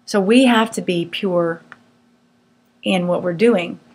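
A woman's voice: on the low side, takes it slowly, darkish tone, husky. A middle-aged woman teaching a small Bible study group, earnest, firm and conversational.

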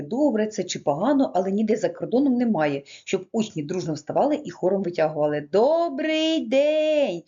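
A woman reading a prepared lecture in a measured, earnest way. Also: mid-range voice, warm tone, breathy edge, highs cut off. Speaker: education lecturer.

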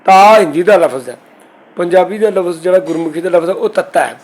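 A man teaching and explaining a scriptural text, who slows down to recite each quoted verse before explaining it. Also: sits high. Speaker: Gurbani teacher. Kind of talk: scriptural exposition lesson.

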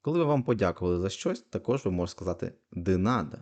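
Male tutor, deep mellow voice, patient step-by-step explainer. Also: expressive, quick pace. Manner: patient, repeats each phrase twice with translation. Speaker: language teacher. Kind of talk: explaining Portuguese phrases in Ukrainian.

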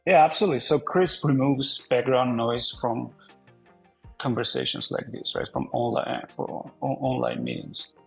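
Gravelly, husky man on a video call. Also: medium pitch, lively intonation, normal speed, soft background music, rough recording. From Armenia. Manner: conversational, frequent fillers and restarts. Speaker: podcast guest, company founder. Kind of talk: casual interview talk. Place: indoor room.

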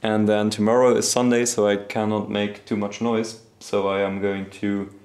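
A young man filming a casual workshop vlog in his home garage, talking in a relaxed, self-deprecating way with lots of fillers, recorded on an action camera. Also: on the low side, moderate pace. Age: young adult. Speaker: hobby boatbuilder vlogger. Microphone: action camera on body or nearby.

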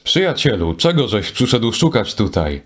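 A man's voice: lowish voice, sing-song, normal speed, a bit bright, breathy edge, heavily acted. A man voicing a good-humored king who teases a madman, in a storybook reading. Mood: amused. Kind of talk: audiobook character reading.

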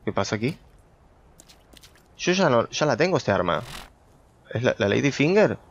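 A man's voice: mid-range voice, big pitch swings, normal speed, highs cut off. A young man giving casual gameplay commentary, chatty and thinking aloud as he plays, talking to his viewers. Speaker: gameplay streamer.

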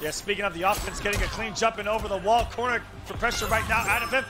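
A man with a high-pitched voice calls a fighting game tournament live. His play-by-play is excitable and emphatic, and music plays clearly behind him. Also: quick pace. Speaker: esports commentator.

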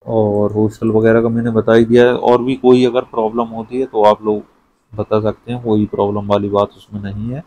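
A young man with a lowish, mellow voice talks at a moderate pace in a level tone, giving a casual screen-share walkthrough as an education YouTuber. He's chatty, often tosses in "okay" to check in, and repeats "theek hai" a lot.

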